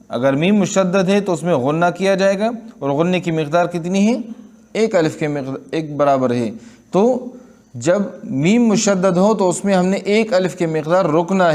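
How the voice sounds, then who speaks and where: A man from Pakistan teaching Quran recitation rules in Urdu, explaining each rule and then showing it in slow, drawn-out recitation. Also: high voice, a little mellow. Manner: repeats words and checks in with listeners. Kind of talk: Urdu tajweed lesson with recitation.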